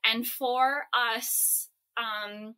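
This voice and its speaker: A woman from Hawaii speaks as an interview guest in a bright, slightly high voice. She thinks aloud, pausing on fillers and restarting her sentences. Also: steady tone, clear, resonant tone. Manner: thoughtful, hesitant, many fillers. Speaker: guest, story writer. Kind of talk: interview answer.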